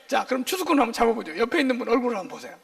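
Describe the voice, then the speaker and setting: A male pastor preaching a sermon in a lively, joking way, firing questions at his congregation for call-and-response. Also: very high voice, very fast, creaky, far from the mic. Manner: jokey, playful asides.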